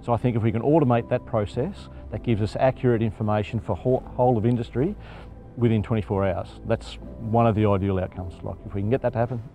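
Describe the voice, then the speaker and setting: A man's voice: fairly low pitch, fairly even intonation, fast, narrow, tinny audio, faint music behind. A man, a farm manager talking casually and plainly outdoors. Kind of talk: interview.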